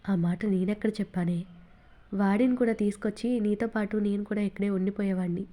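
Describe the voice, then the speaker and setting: Bossy, teasing young man in a storybook romance, read by a woman narrator, mellow and warm. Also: mid-range voice, steady tone, fairly quick, close to an everyday voice. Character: commanding, teasing, protective young man, a boss.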